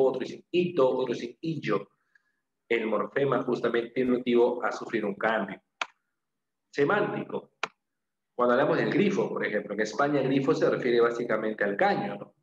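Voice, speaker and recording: With a medium-pitched voice and a Peruvian Spanish accent, a man from Peru leads a language class in a classroom lecture. He moves step by step, says the key phrases more than once, and often asks "¿no?" or "¿ok?". The recording has an echoey room sound and dull audio.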